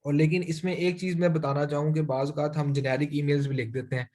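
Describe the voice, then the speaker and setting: Male instructor on a video call, slightly higher-pitched, drawing out English phrases, filler-heavy delivery. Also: level tone, quick pace, a little mellow. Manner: mixes English phrases into Urdu-Hindi speech, many fillers. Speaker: finance instructor. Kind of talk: online class lecture.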